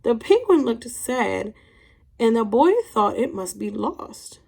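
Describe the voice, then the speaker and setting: A teacher with a slightly high voice reads a picture book aloud to young pupils, her intonation very lively and expressive. She takes it slowly, her delivery clearly aimed at children.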